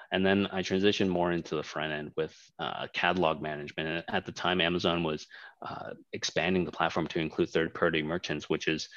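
A man's voice: low-pitched, fairly bright tone, no room sound. A man in his thirties from Canada, born in Hong Kong, a startup co-founder talking casually in an interview with many fillers and restarts. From Hong Kong, raised in Canada. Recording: dull lo-fi dry sound.

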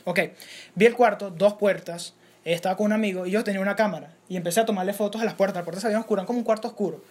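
Venezuelan male co-host, quick animated storyteller, casual chat. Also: high voice. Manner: fast, animated retelling with many restarts. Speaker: podcast co-host.

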